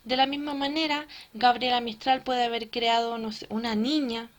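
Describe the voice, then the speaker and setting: A woman's voice: a little high, little pitch movement, normal speed. A woman teacher explaining a lesson step by step and checking understanding with frequent tag questions. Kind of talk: recorded classroom lesson.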